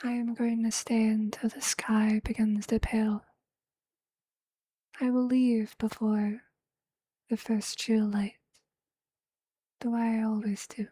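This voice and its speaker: Formal, poetic phrases come slowly and intimately from a performer playing a motherly, tender, possessive vampire in breathy, soft ASMR whispers. Her medium-pitched voice holds a level tone, captured in a dry recording.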